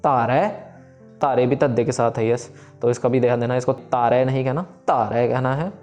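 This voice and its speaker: Man, mid voice, patient recitation teacher, soft music bed. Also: medium pitch, level tone. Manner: patient, repeats words slowly syllable by syllable. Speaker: teacher of scripture pronunciation. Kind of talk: recitation lesson, explaining and chanting slowly.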